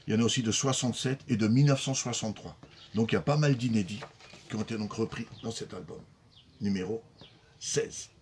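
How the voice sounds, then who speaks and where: Chatty older man, lowish voice. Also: a little fast, darkish tone, slight background noise. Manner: chatty, with frequent fillers and restarts. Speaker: secondhand collector vlogger. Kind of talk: casual chat. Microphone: phone.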